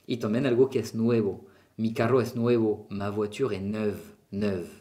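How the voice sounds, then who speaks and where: A man's voice: on the low side, fairly even intonation, dark tone. Man, teacher, from France, Spanish and lesson, patient phrase repetition. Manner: repeats phrases slowly, switching between Spanish and French. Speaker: French teacher. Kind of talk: language lesson for beginners.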